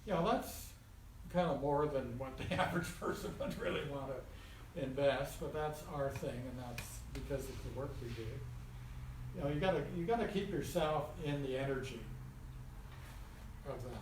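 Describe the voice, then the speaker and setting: Picked up by a distant mic in a roomy space with faint noise, a man talks informally about spiritual matters to a small group. As a spiritual teacher he uses a folksy, colloquial style, repeating phrases to stress them, in a medium-pitched voice at a moderate pace.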